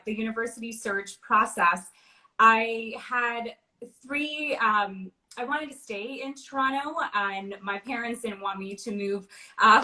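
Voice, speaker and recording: A woman from Trinidad and Tobago, a university recruitment manager, answering interview questions in a friendly, measured way with frequent fillers. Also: fairly high pitch, bright, forceful tone, low-quality recording. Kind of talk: livestream interview.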